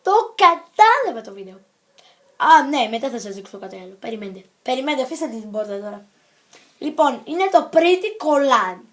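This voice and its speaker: A woman's voice: high voice, sing-song. A woman talking to the camera in a casual vlog, rambling playfully, jumping between topics and correcting herself. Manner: scattered, jumps between topics and self-corrects; playful and silly. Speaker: vlogger.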